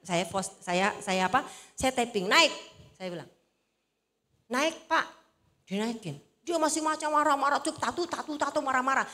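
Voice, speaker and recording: High-voiced woman preaching in a hall. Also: brisk, pushed and bright. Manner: chatty, teasing, coaxes the congregation to repeat after her. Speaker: evangelist preacher. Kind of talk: lively casual sermon. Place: church hall. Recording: echoey church hall.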